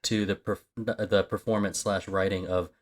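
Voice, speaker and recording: A man's voice: sits low, level tone, moderate pace. A man co-hosting a movie podcast, chatting casually with rambling asides and lots of fillers. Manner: rambling, many fillers and restarts. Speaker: podcast co-host. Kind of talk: casual movie-talk chat.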